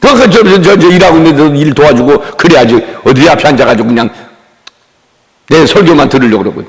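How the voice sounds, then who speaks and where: A male pastor voicing Jesus as an exasperated man who scolds in rapid banter, in a reverberant church hall. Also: on the high side, lively intonation, lightly acted. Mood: scolding.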